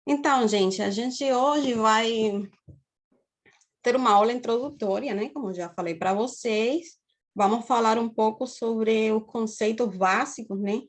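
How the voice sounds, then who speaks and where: A woman's voice: a little high, measured pace. A woman in her thirties from Cuba with a Cuban accent, giving a university lecture on a video call and explaining steadily, often checking in with her students. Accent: Cuban Spanish. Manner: explanatory, often tags phrases with "né?". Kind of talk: online class lecture.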